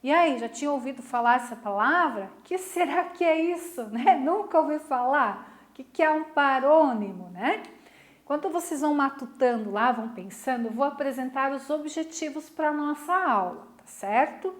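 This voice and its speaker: Recorded during an online class, a middle-aged woman teacher talks at a moderate pace with a high-pitched, echoing voice. Her style is questioning and warm, full of energy, and she often checks in with students through "né?" tags.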